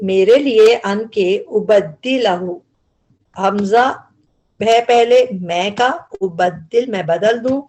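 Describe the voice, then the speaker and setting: A woman's voice: mid-range voice, a little mellow. A woman with an Urdu accent teaching a word-by-word translation lesson, explaining grammar patiently and repeating each word.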